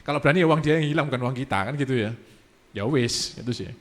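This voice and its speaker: A man's voice: mid-range voice, fast talker. Casual man. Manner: relaxed, mixes Javanese and English phrases. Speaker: guest speaker. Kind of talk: casual church youth talk.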